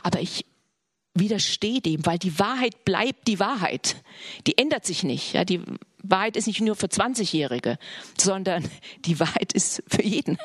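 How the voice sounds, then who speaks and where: A woman preaching a sermon in an earnest way, often dropping into soft whispered passages. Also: mid-range voice, dry recording, studio quality.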